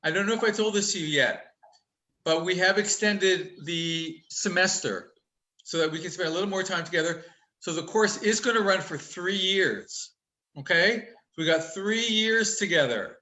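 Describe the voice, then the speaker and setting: A man teaching a casual online college class over a video call, chatty and upbeat, quick-talking and fond of teasing his students with jokes. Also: high voice, pushed and bright, rough recording. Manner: talks quickly. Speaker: college instructor.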